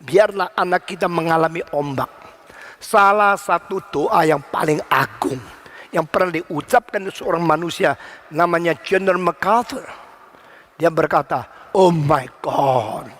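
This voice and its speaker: A man preaching a sermon as pastor, animated, mixing in English phrases and bursting into sudden loud exclamations. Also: fairly high pitch, unhurried, slight background noise.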